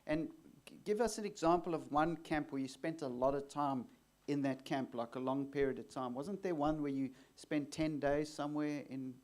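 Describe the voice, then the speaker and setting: Man, slightly high voice, onstage interviewer, leading questions, steady murmured encouragement. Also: moderate pace, hardly any pauses. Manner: leading questions with frequent "mm" backchannels. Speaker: host, exorcist.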